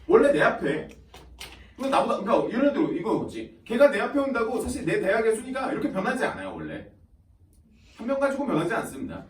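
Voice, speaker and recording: A male high school teacher talking casually to his students, chatty and animated, often acting out students and teachers in quoted asides and laughing along the way. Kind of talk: casual classroom talk to students. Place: classroom. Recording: roomy classroom sound from a distant mic.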